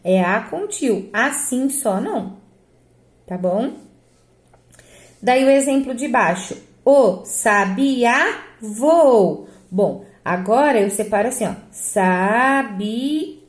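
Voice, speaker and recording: A woman's voice: fairly high pitch, expressive, a little slow, pauses often, reverberant. A Brazilian woman teaching a grammar lesson, explaining step by step and asking herself rhetorical questions. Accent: Brazilian Portuguese. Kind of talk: grammar lesson correcting exercises.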